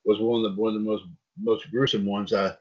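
The voice is a man's, on the low side, brisk and flat, with a breathy edge. As host of a casual pop culture news podcast, he reads headlines aloud and tangles up names, and the audio sounds dull and lo-fi.

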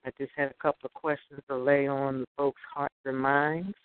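A woman's voice: very deep voice, level tone. Woman caller on a clipped phone line. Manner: measured, preacherly recitation. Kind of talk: calling in, reciting scripture. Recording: tinny phone line, faint noise.

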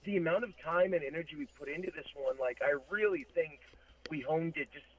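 A man's voice: on the high side, brisk, slight background noise. A man speaking as a musician guest in a casual interview, reflective and thinking aloud, over a remote call. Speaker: metal band vocalist, interview guest. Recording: thin, phone-like call audio.

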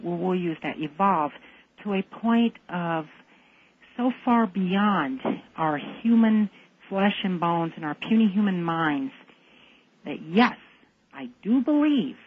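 A woman calling into a radio talk show, speaking in an intense, deliberate and defiant way. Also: mid-range voice, husky. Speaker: caller. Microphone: phone. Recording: tinny phone line.

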